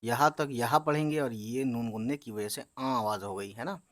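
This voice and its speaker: A man of middle pitch teaches a beginners' reading lesson, sounding out each letter and vowel mark slowly. He keeps checking in with his listeners. The sound is dry and close. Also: no room sound. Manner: explains patiently, often checking with "है ना?" and "ठीक है?"; drawls sounds out slowly while spelling.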